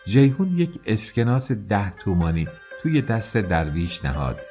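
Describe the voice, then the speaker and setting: Deep-voiced man narrating an audiobook. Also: soft background music. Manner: measured, expressive storytelling. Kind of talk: scripted narration.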